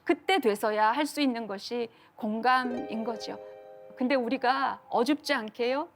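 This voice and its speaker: Middle-aged woman lecturer, fairly high voice, earnest storyteller, light music bed. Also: unhurried. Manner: earnest storytelling with acted-out quotes. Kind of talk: lecture to a studio audience.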